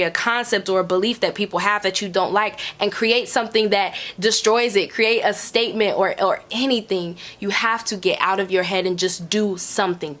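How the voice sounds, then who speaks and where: Woman, mid-pitched voice, casual candid Q&A host, emphatic, repetitive phrasing, sweary. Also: fairly bright tone. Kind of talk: casual, candid Q&A chat to viewers.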